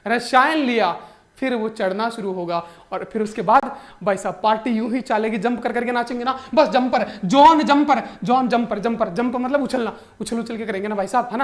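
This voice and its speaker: A man, teaching exam current affairs through jokey mnemonics in an animated, playful way. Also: extremely high pitch. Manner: animated and joking, keeps calling the viewer brother. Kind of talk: comic mnemonic lesson.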